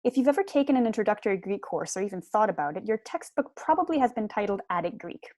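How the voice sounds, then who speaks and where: In a small room at home, a young PhD student lectures from prepared material into her computer mic, and the recording is dry. Her voice sits at medium pitch with a darkish tone, animated and quick-paced, and she explains articulately.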